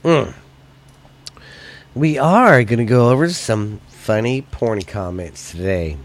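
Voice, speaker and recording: A man with an American accent hosts a solo podcast of casual, profane comedy chat, blunt and loose in his crude humor. He speaks slowly in a medium-pitched voice that sounds slightly weak and stuffy.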